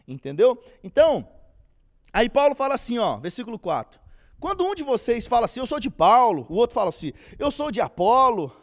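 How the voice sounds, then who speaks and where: A man with a Brazilian accent teaching a casual church Bible lesson, acting out quoted speech in everyday slang. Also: extremely high pitch. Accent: Brazilian Portuguese. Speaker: theology teacher.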